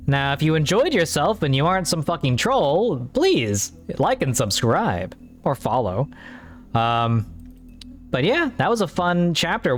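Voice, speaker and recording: Offhand, rambling male game streamer. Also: a little high. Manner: rambling and offhand, swears casually. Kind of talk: casual let's-play commentary.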